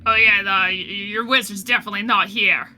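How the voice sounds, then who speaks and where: A woman's voice: medium pitch, steady tone, brisk, pushed and bright, rough recording. A woman bantering playfully as a player in a tabletop game.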